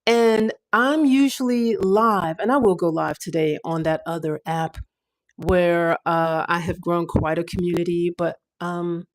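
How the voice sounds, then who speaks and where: A woman in her fifties from the United States hosts a casual livestream, speaking a little slowly with a fairly low pitch and flat delivery. She rambles chattily, with fillers and restarts.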